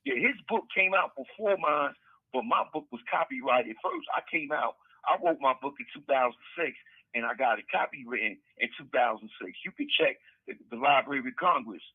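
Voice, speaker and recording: A man's voice: medium pitch, lively intonation, brisk, slightly rough, no room sound. A middle-aged man, an interview guest and author, talking over a prison phone call in a loose, rambling way, repeating words and using street slang. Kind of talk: casual storytelling interview. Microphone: prison telephone handset. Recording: tinny prison phone line.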